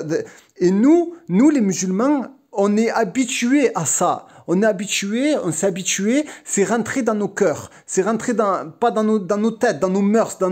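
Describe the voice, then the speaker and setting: A man's voice: sits high, a little mellow. A man delivering a heated vlog monologue, agitated and repetitive with frequent restarts. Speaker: vlogger.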